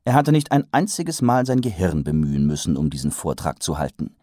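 A man reading a story aloud as an audiobook narrator in lively storytelling narration. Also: low voice, brisk, dry recording, studio quality. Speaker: audiobook reader. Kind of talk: scripted narration.

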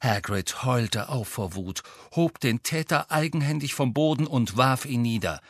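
A man reading a novel aloud with steady, even storytelling. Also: medium pitch, measured pace, no room sound, studio quality. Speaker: audiobook narrator. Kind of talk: scripted narration.

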